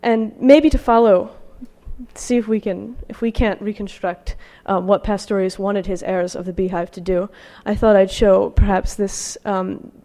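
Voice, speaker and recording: This woman presents her research as an academic lecture with slides and quoted passages, her voice carrying long reverb in a large room. She speaks in a mid-pitched, dark tone with fairly even intonation, in a scholarly, slightly halting way.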